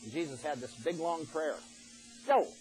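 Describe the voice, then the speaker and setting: An older man delivers a homespun sermon, reading old scripture and then breaking it down in plain everyday talk. His voice sits slightly high for a man. Soft music plays faintly behind him. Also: expressive, moderate pace, poor audio. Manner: folksy, reads scripture aloud then explains it plainly. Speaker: preacher.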